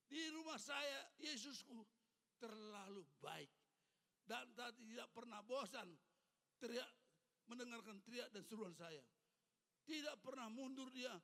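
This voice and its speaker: Preaching a sermon in a church hall, a man in his eighties presses the congregation with passionate, repeated calls. He speaks at an extremely high pitch with vocal fry and a pushed, bright tone, and the hall adds long reverb.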